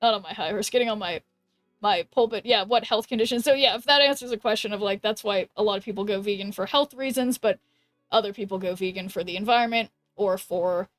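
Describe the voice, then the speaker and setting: A woman's voice: mid-range voice, quick pace. A hungover woman hosting a livestream, chatting casually and loosely rambling to viewers. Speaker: livestream host. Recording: music behind the voice. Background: music.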